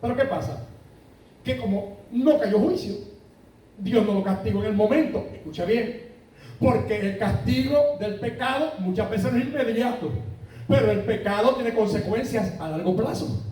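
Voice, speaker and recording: High-voiced Puerto Rican preacher in echoey church. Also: male voice, moderate pace, warm tone, far from the mic. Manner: preaching with rhetorical questions and anecdotes. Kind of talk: sermon. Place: church sanctuary.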